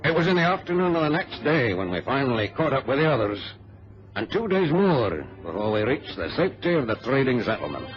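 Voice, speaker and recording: A man with a natural, mid-range voice speaks a little fast and very animatedly as a cautious, conscientious adventurer telling of his exploit. The style is dramatic old radio narration and dialogue with a grave mood. The vintage recording is muffled and faintly noisy.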